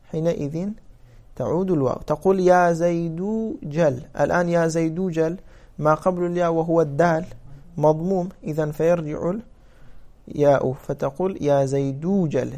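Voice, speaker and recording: A man's voice: on the high side, darkish tone. Man explaining grammar to a class. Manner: explains step by step, checks understanding with questions. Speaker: teacher of Arabic morphology.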